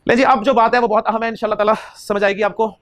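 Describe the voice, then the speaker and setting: High-voiced grammar teacher. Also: male voice, fairly even intonation, a bit bright. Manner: questions students and drills answers back; repeats key terms slowly for emphasis. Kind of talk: classroom lecture.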